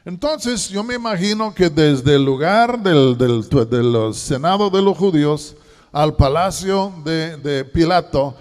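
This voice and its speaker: A man preaching a sermon, dramatic and shifting between loud and hushed. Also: fairly high pitch, animated, slow, big-room sound. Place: church.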